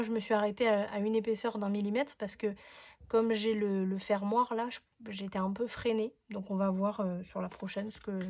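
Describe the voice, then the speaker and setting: A woman's voice: medium pitch, a little mellow. A woman hosting a crafting tutorial, talking casually with lots of fillers and restarts. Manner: chatty, many fillers and restarts. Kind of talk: casual demonstration talk.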